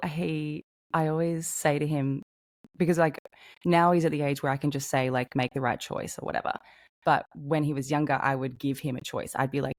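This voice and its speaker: Fast-talking low-voiced woman. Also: darkish tone, no room sound. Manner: frank, swears casually, talks through stories in quick bursts. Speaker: podcast co-host. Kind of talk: casual chat.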